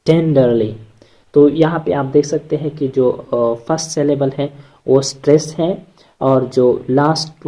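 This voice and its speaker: A teacher talks through poetic metre in a slow, deliberate lecture. The voice is mellow and dark, and the pitch sits in a middle range. The delivery is hesitant, with frequent filler sounds, restarts and rhetorical questions that the teacher then answers.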